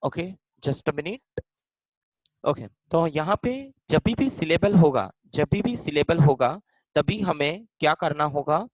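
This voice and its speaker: Guy teaching grammar for exams, sits a bit high, bouncy up and down, repeats stuff and quizzes himself, dry close sound. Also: expressive, slow, dry recording, rough recording. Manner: repeats points, asks and answers his own questions; mixes English phrases into his explanations. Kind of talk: exam-focused grammar lesson.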